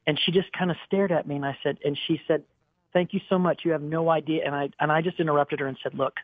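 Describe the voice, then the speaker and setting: Speaking quickly in a steady, slightly high voice, this man in his forties candidly shares personal stories as a guest singer on the radio. He's earnest and emotional with many restarts, heard over a dry, phone-like line without echo.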